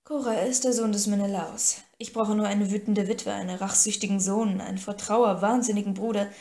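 A woman reads a scheming young prince from a storybook, hushed and slightly lower than her narration. He talks slowly and sounds irritated. The room around him gives an echo. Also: steady tone, lightly acted.

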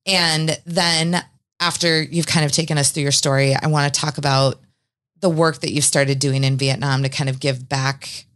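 A woman's voice: sits low, steady tone, moderate pace, fairly bright tone. A woman in her forties from the US Northwest, hosting a studio interview podcast, earnest as she leads her guest's story. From Eastern Washington, US. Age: 40s. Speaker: podcast host.

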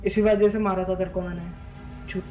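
A man streaming a shooter game, scolding a teammate with rough, profane banter over a headset. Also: high-pitched, level tone, a little fast, a little mellow, dull audio, faint music behind. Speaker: livestreamer. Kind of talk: casual gaming chat.

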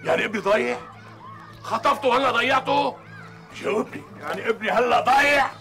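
An enraged gravelly father. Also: extremely high pitch, fairly quick, soft background music, heavily acted. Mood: menacing. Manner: menacing, shouting, then coldly quiet. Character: angry middle-aged father threatening his nephew. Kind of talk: TV drama acting.

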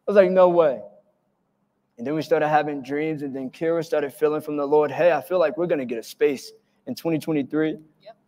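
A man preaching a sermon as pastor, telling stories with lively acted-out quotes. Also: on the high side, quick pace. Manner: animated storytelling with acted-out quotes. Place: church hall. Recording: church hall with long reverb.

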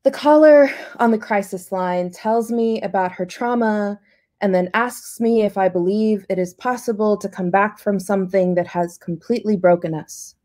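Woman from Costa Rica, poetry reading, mellow voice, earnest and intimate. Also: mid-range voice, normal speed. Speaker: poet.

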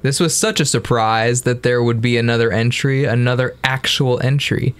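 A man's voice: mid-range voice, steady tone, moderate pace, clear, resonant tone. Man chatting casually over a horror game. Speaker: gameplay commentator.

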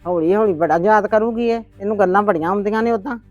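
A woman with a mid-range voice talks quickly, acting lightly as a stern, nagging grandmother in a homemade family drama. She scolds, complains and lectures with a sharp tongue while faint music plays behind her.

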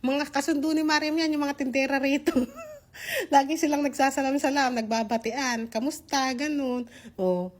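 A woman's voice: high-pitched, fairly even intonation, a little fast. A woman from the Philippines, narrating a casual vlog in a chatty way that breaks easily into laughter. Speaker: vlogger. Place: inside a car.

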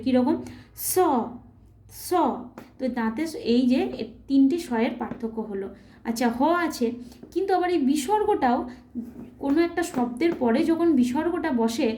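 A woman whose first language is Bengali, patiently teaching Sanskrit pronunciation, asking her own questions and demonstrating each sound slowly. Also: high-pitched, mellow. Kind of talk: explanatory online lesson. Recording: echoey room.

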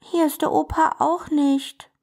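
Woman doing a little girl, very high. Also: level tone, unhurried, creaky, a little mellow. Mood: childlike. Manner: small, high, childlike.

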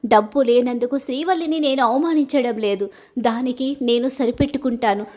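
A woman voicing a stern middle-aged mother-in-law who scolds her family with slow, emphatic indignation. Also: fairly high pitch, darkish tone, lightly acted. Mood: scolding.

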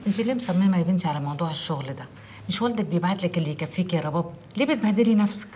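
A middle-aged actress with an Egyptian accent playing a motherly landlady who gently questions a young tenant in a TV drama. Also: lowish voice, animated, rapid-fire, a little hiss or hum, lightly acted. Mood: concerned. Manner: motherly, concerned. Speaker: landlady of a women's residence. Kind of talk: TV drama dialogue.

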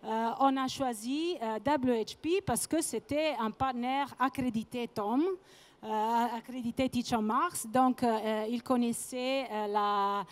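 Halting woman presenter with foreign-accented French, unhurried. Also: fairly high pitch, steady tone. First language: not French. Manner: halting, non-native French with searching pauses and repeated words. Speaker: conference presenter. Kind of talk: public presentation. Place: trade-show conference stage, indoors. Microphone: handheld microphone.

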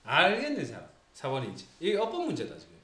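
With a fairly high voice, huge pitch swings, a quick pace and a slightly bright tone, a Gyeongsang-accented Korean man teaches English grammar to a small class. He quizzes the students and teases them throughout, in a classroom with roomy echo.

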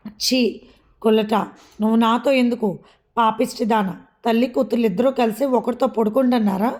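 A woman voicing a drunk, abusive older husband hurling insults, in a fairly high, flat voice. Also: normal speed, natural voice. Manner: shouting insults, harsh.

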